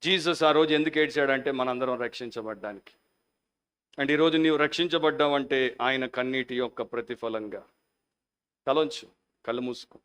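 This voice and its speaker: A man preaching a Sunday sermon as a pastor, passionate at the peaks and hushed in prayer, mixing English phrases into his Telugu. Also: mid-range voice, fairly even intonation, moderate pace, clear, resonant tone. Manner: fervent preaching, shifting into quiet prayer.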